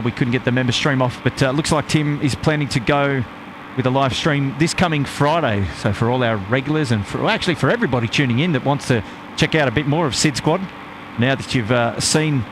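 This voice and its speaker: A man's voice: medium pitch, noisy background. A man hosting a live stream with casual, matey, rambling plane-spotting commentary and frequent hesitations.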